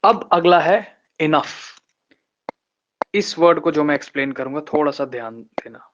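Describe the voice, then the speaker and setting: A man teaching shorthand in a live online lesson, explaining step by step with patient pauses and slowing down to spell out terms. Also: a little high, lively intonation, fairly bright tone, slight background noise. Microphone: online class microphone. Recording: dull lo-fi online class audio.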